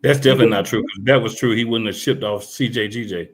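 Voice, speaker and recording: A man's voice: fairly low pitch, steady tone, quick pace, slightly rough. A man hosting a casual sports podcast, laid-back and friendly as he reads viewer comments aloud. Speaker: podcast host reading comments.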